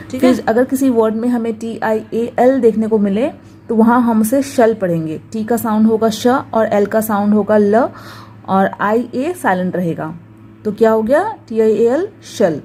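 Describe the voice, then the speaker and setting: Slow, careful Indian woman teacher. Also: a little high, dark tone, a little hiss or hum, poor audio. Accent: Hindi. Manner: slow, careful, repeats words for drilling. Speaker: English pronunciation teacher. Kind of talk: YouTube pronunciation lesson.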